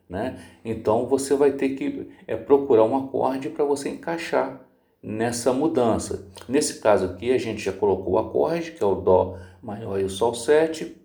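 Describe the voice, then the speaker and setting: Patient male guitar teacher, mellow and roomy. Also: medium pitch. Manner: patient, explains step by step, sings lines to demonstrate. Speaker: music teacher. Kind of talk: guitar lesson, talking and singing. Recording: roomy sound, guitar playing under the voice. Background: acoustic guitar.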